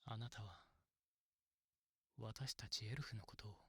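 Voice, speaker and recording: Elf priest, male actor: kindly, formal, measured ASMR role-play. Breathy husky tone, dry close sound. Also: on the low side, no echo, exaggerated voice. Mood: tender. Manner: very polite, soft, measured. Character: kindly, courteous, long-lived male elf priest, wistful and gentle.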